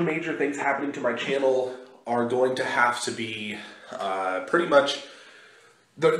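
A man's voice: medium pitch, fairly bright tone. A young man talking casually to his viewers in a vlog, recorded on a phone in an echoey indoor space. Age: young adult. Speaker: video blogger. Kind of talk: casual vlog talk to camera. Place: small echoey indoor walkway in a house being moved into. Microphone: phone at arm's length.

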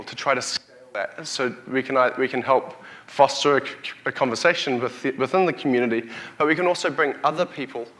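A man's voice: medium pitch, sharp tone. A man in his thirties with a New Zealand accent, giving a conference keynote as a company chief. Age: 30s. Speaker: company CEO, conference speaker. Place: hotel conference hall, on stage before an audience. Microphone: lapel or headset mic.

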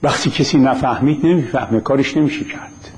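A man's voice: mid-range voice, a little mellow, a little hiss or hum. A middle-aged man with an Isfahani accent giving a blunt, emphatic monologue lecture on religion, voice rising on key phrases. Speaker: commentator on religion.

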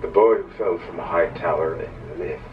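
A man's voice: low voice, moderate pace, distant mic, slight background noise, natural voice. An actor playing a grave, persuasive nobleman in a television fantasy drama. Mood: solemn. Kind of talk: scripted TV fantasy drama acting. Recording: muffled television speakers playing across a room.

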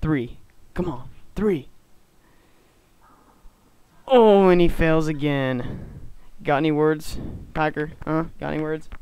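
A man's voice: fairly high pitch, slow pace, long pauses, a little mellow, clear, resonant tone, no room sound. A teenage boy giving joking, laughing mock sportscaster commentary while friends play a video game at home. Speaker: player and commentator.

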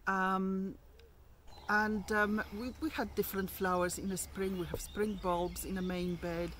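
A woman's voice: medium pitch, level tone, unhurried, fairly bright tone, a little hiss or hum. A middle-aged woman giving a casual walking tour of her allotment garden outdoors, chatting in a meandering way with plenty of ums and restarts.

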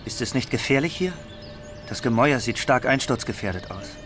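A man's voice: mid-range voice, lively intonation, brisk, fairly bright tone, faint music behind, natural voice. A man playing a tense young adventure game hero, with a dramatic, questioning delivery. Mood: probing. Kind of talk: video game voice acting.

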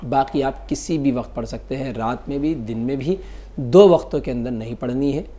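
Male mufti, dark mellow voice, patient step-by-step explainer. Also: mid-range voice, moderate pace, a little hiss or hum. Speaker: mufti answering callers. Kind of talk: religious call-in explanation.

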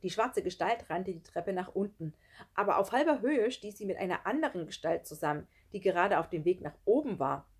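A woman reading a children's book aloud with lively storytelling. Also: medium pitch, a little fast, husky. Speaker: reader.

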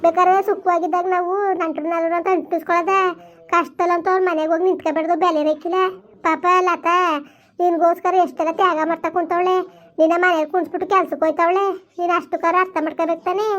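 A woman's voice: very high-pitched, flat delivery, fast. A woman playing a middle-aged village aunty who soothes and advises a young wife in a comedy skit. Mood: consoling. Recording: dull lo-fi sound.

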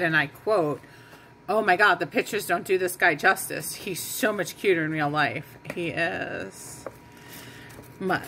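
A woman's voice: lowish voice, vocal fry, fairly bright tone, a little hiss or hum, poor audio. A woman fostering a kitten, chatting casually to it on a phone camera at home, swearing freely and cooing at it. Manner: swears casually, coos and sings silly songs to the kitten. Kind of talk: casual vlog chat to a pet.

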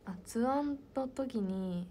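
Young woman idol, mellow soft voice, casual fan Q&A chat, whispered asides. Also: fairly high pitch, animated, slow, a little hiss or hum. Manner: soft-spoken and chatty, drops into whispered asides. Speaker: idol talking with fans.

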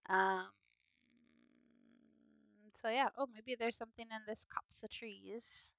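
A woman's voice: on the high side, steady tone, takes it slowly, fairly bright tone, smooth, no echo. A young woman with a sniffly nose giving chatty, playful commentary on a video game at home, now and then breaking into bits of song. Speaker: gaming video host. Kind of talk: casual gameplay commentary.

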